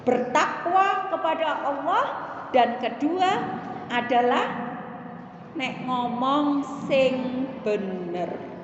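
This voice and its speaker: A middle-aged Javanese-accented woman preaches in a high voice at an unhurried pace. She tells stories with animation and keeps asking the gathered women questions. The sound is dull and lo-fi, with a long echo from the hall. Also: noisy background. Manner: animated, asks the audience questions, slips into regional phrases. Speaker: preacher at a women's religious study circle. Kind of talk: sermon with storytelling.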